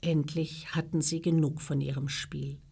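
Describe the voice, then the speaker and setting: A woman tells a Bible story for children in a slow, measured way. Her voice sits low, and she reads at an unhurried pace. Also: flat delivery, gravelly, dark tone, slightly rough. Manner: slow, measured reading, raising her voice for quoted speech.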